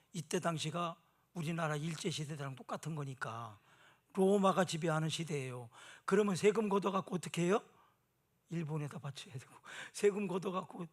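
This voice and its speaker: Brief: male pastor, high voice, chatty sermon style, questions for the congregation. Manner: conversational, asks the congregation questions.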